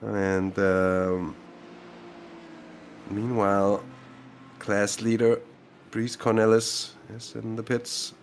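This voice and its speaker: A man doing live commentary on a sim race, chatty and quick to laugh, who often trails off mid-sentence. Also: on the low side, level tone, a little hiss or hum. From Denmark. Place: at home in a sim racing rig.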